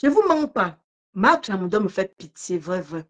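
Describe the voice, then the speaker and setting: A woman ranting casually on a live stream about an online feud, mocking and laughing loudly, talking fast in bursts. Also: medium pitch, very animated.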